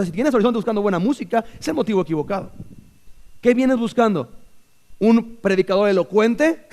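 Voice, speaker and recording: A man with a Mexican Spanish accent, preaching a lively sermon in church, full of jokes and acted-out quotes. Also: high-pitched. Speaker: pastor.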